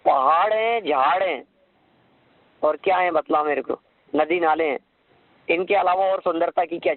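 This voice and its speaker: A man giving a devotional discourse, slowly chanting verses and then explaining them in a conversational way, asking listeners rhetorical questions. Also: high voice, gravelly, dry recording, phone-quality sound. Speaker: religious lecturer.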